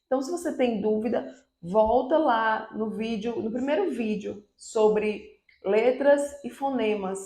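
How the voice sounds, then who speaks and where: Gravelly-voiced woman teaching. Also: on the high side, unhurried, roomy sound. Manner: lively, repeats and stresses example syllables. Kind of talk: online grammar lesson.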